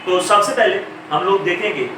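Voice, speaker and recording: A man gives an English pronunciation lesson, his voice a touch higher than most. He explains patiently, pausing on fillers and correcting himself as he goes. He sits far from the mic in a very echoey room with a clear hum of background noise. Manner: explains slowly with many fillers and self-corrections. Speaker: English teacher. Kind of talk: recorded pronunciation lecture.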